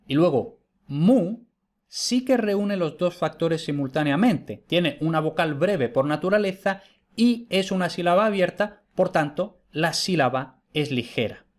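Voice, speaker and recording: A man teaching a lesson over slides, patient and explanatory, often checking with "¿vale?" and repeating key points. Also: a little high.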